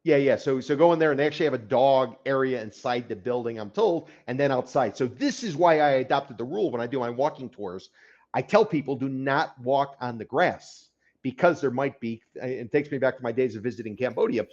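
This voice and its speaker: A man's voice: medium pitch, expressive, fast talker, a little mellow, lo-fi sound. A man co-hosting a real estate talk show, explaining things casually with a sarcastic edge and repeated phrases. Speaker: real estate consultant, co-host.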